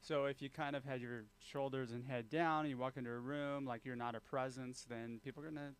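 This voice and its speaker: A man's voice: mid-range voice, fairly even intonation, clear, resonant tone. A man hosting a radio interview show, upbeat and chatty, often chiming in with short agreement. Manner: upbeat, quick affirming interjections.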